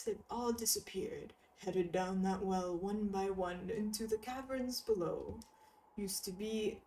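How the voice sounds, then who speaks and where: A woman's voice: mid-range voice, dark tone, distant mic, slight background noise, close to an everyday voice, low-quality recording. Woman reading as a weary old bug villager.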